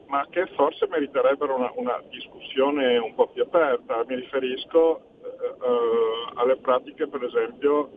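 A man phoning in to a radio show, his voice squeezed thin by the phone line, with a faint hiss underneath. He speaks courteously and haltingly, pausing on fillers and restarting as he searches for the right words. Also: medium pitch. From northeastern Italy. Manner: hesitant, polite, searching for words with many fillers. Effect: heard over a phone line on a radio show. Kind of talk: phone-in call to a talk show.

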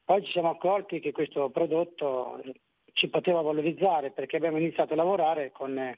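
A man who is a tuna fisherman, speaking as a guest on a radio show over the phone, in a lively way with restarts. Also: on the high side. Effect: heard over the phone. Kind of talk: casual radio phone-in chat. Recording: tinny phone line.

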